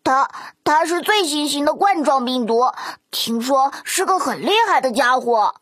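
A woman's voice: high-pitched, expressive, unhurried, a bit bright, no echo, clean studio sound. A woman voicing a small gossiping cartoon virus in a children's storybook audio drama, mocking and chattering. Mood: curious. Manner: sneering, chattering.

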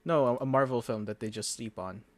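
A man's voice: mid-range voice, fairly quick, no echo. A young man co-hosting a casual podcast chat, laid-back, stammering and restarting his sentences. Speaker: podcast co-host.

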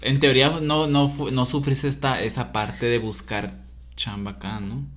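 A man chats casually, leading with questions and short interjections. His voice sits at an ordinary middle pitch. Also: fairly even intonation, normal speed, fairly bright tone, a little hiss or hum. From northern Mexico. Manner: asks questions, brief interjections. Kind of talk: casual chat.

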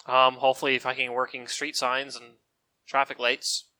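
A man's voice: mid-range voice, completely flat delivery, normal speed, sharp tone, no room sound. A man on a podcast who talks bluntly, swears constantly and sounds exasperated in casual banter.

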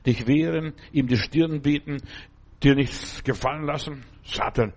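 A man's voice: fairly high pitch, steady tone, unhurried, a little mellow. An older man preaching an informal sermon, speaking straight to the listener as "du" in a blunt, folksy way and often checking "verstehst du?". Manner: folksy, blunt, rambling with restarts.

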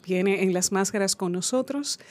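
A woman's voice: medium pitch, moderate pace, darkish tone. A woman from a theater announcing an event on a radio show, upbeat and promotional. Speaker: theater representative. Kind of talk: casual chat, announcing. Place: radio studio.

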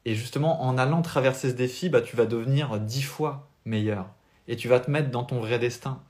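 A man's voice: medium pitch, fairly quick, a little mellow. A young French man with a French accent, a spiritual life coach giving an earnest, motivational talk on a live stream without notes.

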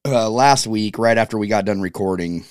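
A man's voice: on the low side, moderate pace, darkish tone, clean tone, no room sound, clean studio sound. A man hosting a casual wrestling podcast, talking like a profane, slangy frat bro. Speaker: podcast host.

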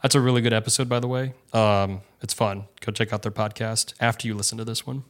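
Speaking quickly in a fairly low voice with little change in pitch, a man co-hosts a podcast in casual conversation. His manner is reassuring and self-deprecating, and he tends to start his sentences over.

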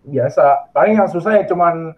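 Young guy from indonesia chatting on a call, kinda high voice, sounds thin like a phone line. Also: moderate pace. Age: young adult. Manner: chatty, animated storytelling with laughs. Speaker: student abroad. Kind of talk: casual video call chat. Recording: tinny phone-like call audio.

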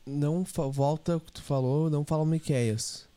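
A man's voice: fairly high pitch, fairly even intonation, moderate pace, dark tone. A man, hosting a podcast in a playful, chatty way and scolding a child now and then. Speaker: podcast host. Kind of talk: casual chat.

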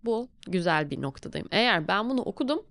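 A woman with a Turkish accent giving a casual lesson as an English teacher, talking the learner through each step in a lively way. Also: mid-range voice, fast, dry recording, clean studio sound.

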